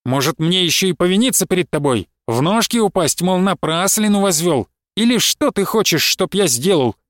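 A man's voice: high voice, lively intonation, no echo, clean studio sound. A man reading aloud and voicing a spiteful, embittered husband who drags his words out with a sneer and flares into angry outbursts. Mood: sullen. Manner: sneering, drawn-out, flaring into shouts.

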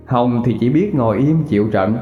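A man narrating a ghost story in steady scripted storytelling. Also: medium pitch, normal speed. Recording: roomy, dull recording with faint music.

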